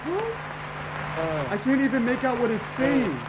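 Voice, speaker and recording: Jumpy high-voiced young man. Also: lively intonation, moderate pace, loud music behind the voice, over a noisy crowd. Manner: jumpy, easily spooked, bursts into high shouts. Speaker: reaction streamer. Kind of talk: reaction commentary.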